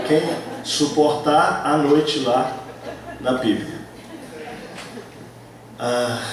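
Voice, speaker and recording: A man preaching as a pastor, telling a personal story with a joking, friendly manner. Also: mid-range voice. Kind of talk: sermon. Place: large church hall at a retreat. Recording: echoey hall, far from the mic, noisy.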